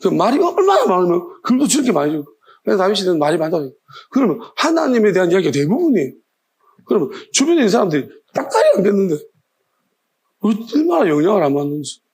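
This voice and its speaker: A man's voice: high-pitched, huge pitch swings, fast, a little mellow, breathy edge. A male pastor preaching a sermon, firing off challenging rhetorical questions in a scolding tone.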